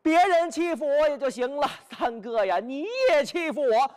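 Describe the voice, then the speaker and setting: A man's voice: high voice, wildly swooping pitch, measured pace, heavily acted. A male storyteller voicing a proud young hero who sounds plaintive and accusing. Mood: aggrieved. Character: proud young hero, aggrieved and quick-tempered.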